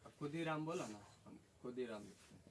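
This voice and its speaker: A man's voice: mid-range voice, animated, brisk. A man teaching a class, asking the students questions and repeating their answers. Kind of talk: classroom lesson. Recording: faint background noise.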